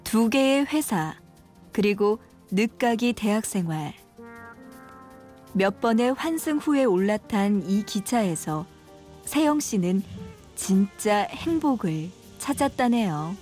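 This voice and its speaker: A woman delivers gentle, measured documentary narration in a mellow, warm tone. Her pitch sits mid-range, and light instrumental music plays softly beneath her. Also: lively intonation.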